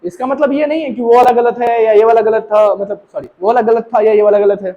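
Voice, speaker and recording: A man's voice: sits high, steady tone, quick pace, dull audio. A man teaching a maths class to students, talking to them directly, checking that they understand and mixing English maths terms into his Hindi. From India. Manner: talks to students directly, asking checking questions.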